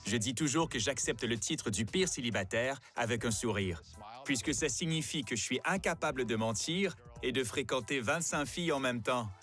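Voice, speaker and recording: A man calmly recounting, with some regret, his time as the star of a reality show, in a dubbed documentary interview. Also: medium pitch, moderate pace, faint music behind. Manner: calm, rueful first-person recounting.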